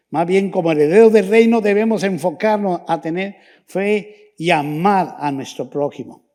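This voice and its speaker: High-pitched guy pastor preaching in church, swings loud then hushed in prayer. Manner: fervent preaching, rising and dropping to hushed prayer. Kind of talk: sermon and prayer.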